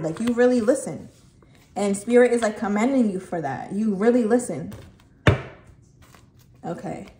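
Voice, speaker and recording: A tarot reader does a casual reading, chatty and emphatic, swearing freely and asking "okay" over and over. Her voice is medium-pitched with a darkish tone, recorded in an echoey room with faint noise.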